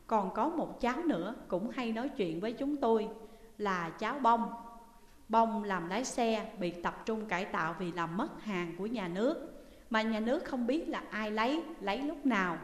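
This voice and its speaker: Woman reading a memoir in a reverberant room. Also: mid-range voice. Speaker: audiobook reader. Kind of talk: first-person memoir narration.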